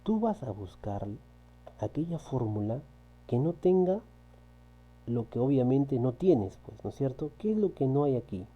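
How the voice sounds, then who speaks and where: A man's voice: mid-range voice, very animated, measured pace, dull audio. A man teaching a physics class, patiently repeating key points and often checking with his students. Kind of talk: recorded online class walking through exercises. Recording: faint electrical hum.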